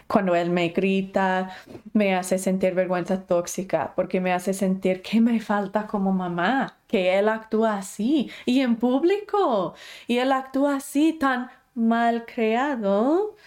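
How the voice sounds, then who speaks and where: A woman's voice: mid-range voice, darkish tone. A woman instructor giving an online class, explaining patiently and acting out inner voices.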